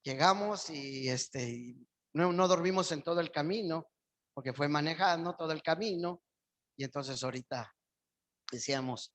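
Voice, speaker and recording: A man's voice: fairly high pitch, normal speed, fairly bright tone. A male pastor preaching a sermon in church, his voice surging up with emphasis on key phrases.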